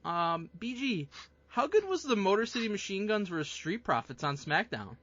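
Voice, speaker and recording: A man's voice: sits high, big pitch swings, moderate pace, a bit bright, no echo. A man co-hosting a podcast, introducing a segment and teasing his co-hosts in casual chat. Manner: upbeat segment host, teasing. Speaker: podcast co-host. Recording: dry, slightly muffled podcast audio.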